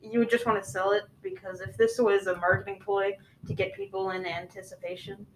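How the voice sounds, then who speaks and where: A man's voice: high voice, flat delivery, brisk, a bit bright, slight background noise, rough recording. A teenage boy as a guest on a school podcast, explaining things with stumbles and restarts. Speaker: student guest.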